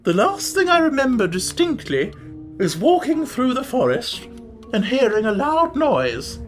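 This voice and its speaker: A man voicing a huge flying creature with a squeaky voice, speaking in formal, mournful phrasing in an audiobook. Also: wildly swooping pitch, unhurried, soft background music, heavily acted. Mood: plaintive. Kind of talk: audiobook character voice.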